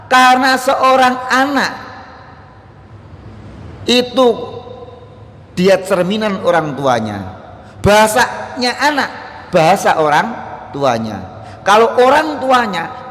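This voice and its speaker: A man with a Javanese accent preaching a humorous mosque sermon, acting out quoted dialogue and rising to loud, emphatic lists. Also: high-pitched. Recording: reverberant mosque hall.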